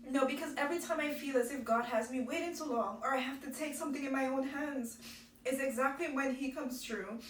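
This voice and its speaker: A high-pitched woman speaks to her viewers in a casual, heartfelt testimony while crying happy tears. She is earnest and encouraging through the tearfulness. The sound is echoey and set back from the microphone. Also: a little fast, a little hiss or hum. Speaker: vlogger giving a personal testimony. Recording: roomy echo, distant from mic.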